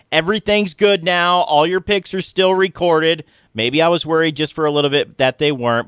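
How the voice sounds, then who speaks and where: A man hosts a radio show in a casual, unscripted way. His medium-pitched voice halts and corrects itself, and the studio sound is very dry. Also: a bit bright, clean tone, dry recording. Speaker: sports radio host. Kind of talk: casual off-the-cuff radio talk.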